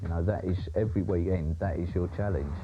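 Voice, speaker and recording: Low-voiced man, boastful, crude, dull worn-tape sound, music playing behind. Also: steady tone, fast. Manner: boastful, blunt, swears freely. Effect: worn VHS tape copy. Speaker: interviewee in a documentary. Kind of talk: candid interview talk.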